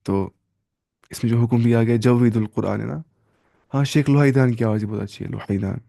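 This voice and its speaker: A man leads a casual online Quran reading class and drills the letters slowly, one by one. His voice is gravelly and mellow, at an ordinary pitch. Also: fairly even intonation. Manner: slow drawn-out letter-by-letter drilling. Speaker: Quran recitation teacher. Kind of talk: live online tajweed lesson.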